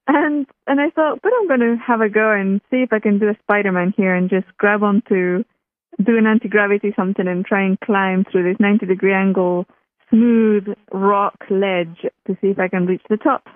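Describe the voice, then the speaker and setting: Over a dry, tinny phone connection with no room sound, a woman from Chile chats casually as an interview guest, recounting something from her own life and frequently starting sentences over. She speaks in a mid-range voice with fairly even intonation and a moderate pace.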